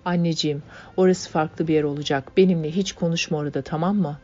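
A direct, earnest young organizer, voiced by a woman reader. Her tone stays low, and the recording sounds dull, with faint music under it. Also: steady tone, fairly quick, a little mellow, close to an everyday voice.

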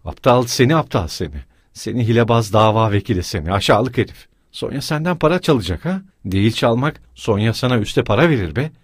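A man voicing a frantic, furious middle-aged mother who screams shrill insults in an audiobook reading. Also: animated, a little fast, hardly any pauses, husky, no echo, studio quality. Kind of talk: audiobook character voice.

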